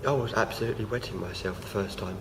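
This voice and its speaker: A young vlogger talks casually to the camera, halting often with fillers and false starts. Feeling unwell, his low voice is gravelly and croaky, and a steady hiss runs beneath the home recording.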